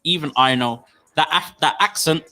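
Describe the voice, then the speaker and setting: A man's voice: a little high, normal speed, bright, forceful tone, soft background music, rough recording. A man co-hosting a casual podcast chat, who affirms often and repeats his phrases. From Jamaican heritage. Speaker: podcast co-host.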